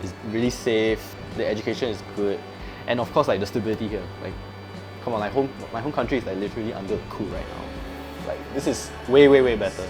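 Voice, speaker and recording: A laid-back man, rambling easily and leaning on fillers. His voice sits a little low. Background music runs under him. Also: a little fast, low-quality recording. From Singapore. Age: 20s. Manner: relaxed, chatty, lots of fillers. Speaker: vlogger. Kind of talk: casual chat to camera. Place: student's room indoors.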